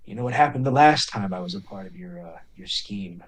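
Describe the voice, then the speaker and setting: A man's voice: fairly high pitch, very animated, moderate pace. A man voicing a weary, wary male tavern keeper who scoffs and sounds disappointed.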